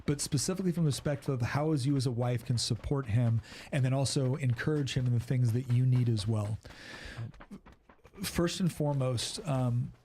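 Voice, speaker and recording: Middle-aged man, earnest, rambling, restarts often, mid-pitched voice, faint background hiss. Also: normal speed, dark tone. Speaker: podcast guest giving marriage advice. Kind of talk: casual podcast conversation.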